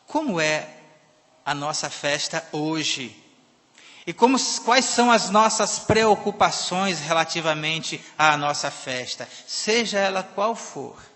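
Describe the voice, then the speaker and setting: A man preaching a sermon in a church, emphatic, swinging between loud and soft passages. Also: fairly high pitch, expressive, slow. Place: church sanctuary. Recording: long reverb of a church hall.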